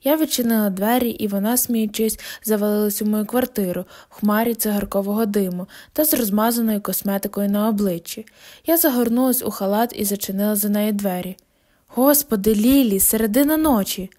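A woman narrating a novel as an audiobook in a steady, wry storytelling manner. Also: medium pitch, a little fast.

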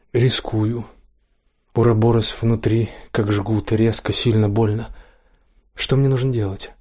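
Hushed low-voiced man reading a story. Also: slightly rough. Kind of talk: intimate first-person story reading.

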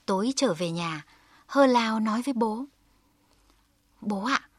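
A woman narrating a folk tale in a calm, measured storytelling manner. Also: on the high side, no echo.

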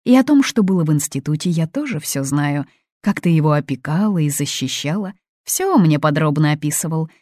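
A woman reading an audiobook, voicing a domineering, controlling middle-aged mother who talks loud and imperious. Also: low-pitched, lively intonation, brisk, no echo, clean studio sound.

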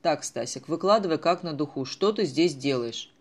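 A man voicing a gruff, commanding adult police captain who talks loudly. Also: on the high side, animated, normal speed. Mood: jovial. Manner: loud, brusque, commanding.

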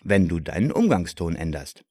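A man reading a calm, teasing hero. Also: sits low, moderate pace, breathy edge, no room sound, heavily acted. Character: patient, good-humoured male hero.

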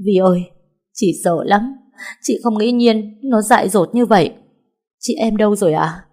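A woman's voice: medium pitch, fast, dark tone, pitched above the performer's own voice, natural voice. A woman narrator voicing a grief-stricken young woman friend who speaks through choked tears. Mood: tearful. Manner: choked, tearful pleading.

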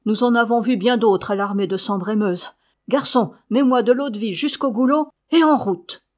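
A woman voicing a talkative, uneasy young male soldier in an audiobook, with a lively, raised voice. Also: a little high, normal speed, natural voice.

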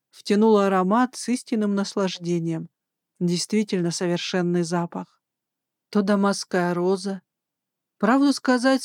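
An audiobook narrator reading a romance novel in even, scripted narration. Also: mid-range voice, clean tone, no room sound, clean studio sound.

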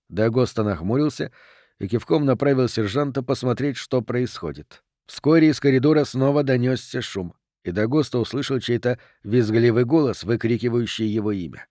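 A man narrating an audiobook in a measured, even reading style. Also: mid-range voice, no room sound, clean studio sound. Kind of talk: scripted narration.

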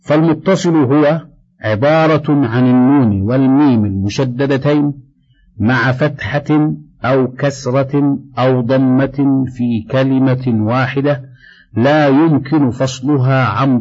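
Man, lesson reader, steady dictating delivery of a tajweed text, mid-pitched voice, dull lo-fi recording. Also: breathy edge. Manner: measured, dictating, slows to recite quoted verses. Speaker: Quran recitation teacher. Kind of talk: reading a tajweed textbook aloud.

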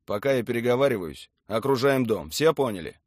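A man's voice: medium pitch, expressive, a little fast, no room sound, clean studio sound, natural voice. An audiobook reader voicing a stern male colonel who gives clipped, commanding orders. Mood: stern ultimatum.

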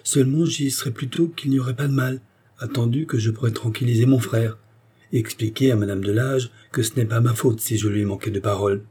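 Male reader voicing a timid, fretful young hairdresser; dark, husky tone. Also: mid-range voice, a little fast, close to an everyday voice. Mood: worried. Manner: anxious, stammering.

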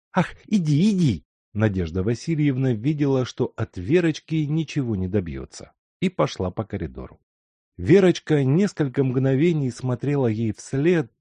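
A man reads a novel aloud with a lively, animated intonation. His voice sits mid-range, recorded dry and close. It is expressive storytelling narration. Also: medium pitch, no echo. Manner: expressive reading. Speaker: audiobook narrator. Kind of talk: scripted narration.

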